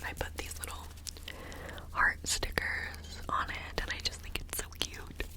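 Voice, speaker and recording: A woman speaks in a hushed, breath-only whisper, very close to an ASMR mic. She rambles informally from one thought to the next, moving ear to ear. Now and then she repeats a word or phrase in the same soft whisper. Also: unhurried. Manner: informal, meandering, with repeated words. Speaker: ASMR video creator. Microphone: close ASMR microphone.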